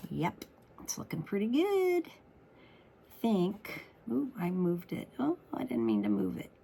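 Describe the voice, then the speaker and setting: In this chatty card-making demonstration, a woman thinks aloud as she works, her medium-pitched, slightly froggy voice swooping wildly. She speaks slowly and mellowly with vocal fry, over slight background noise.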